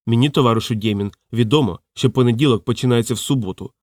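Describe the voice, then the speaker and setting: A man reading an audiobook, voicing a hulking, rude young wizard with a hoarse, gruff and surly manner. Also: mid-range voice, a little fast, no room sound, clean studio sound, lightly acted. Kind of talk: audiobook character voice.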